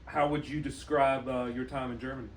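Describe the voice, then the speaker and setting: A man interviewing someone, asking gentle, conversational questions. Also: medium pitch, level tone, a little fast. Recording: roomy echo, distant mic, faint noise.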